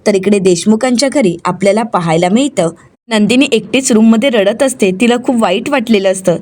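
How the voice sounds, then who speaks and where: A woman's voice: mid-range voice, darkish tone. A woman retelling a TV serial episode, narrating the scenes and reading the dialogue aloud. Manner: storytelling with acted dialogue.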